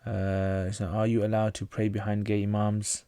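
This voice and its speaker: Speaking at a moderate pace with a clean tone, a low-pitched Pashto-speaking man from North Pakistan works through viewer questions on a laid-back livestream. His answers are plain and full of restarts, and the recording is close and dry without room echo.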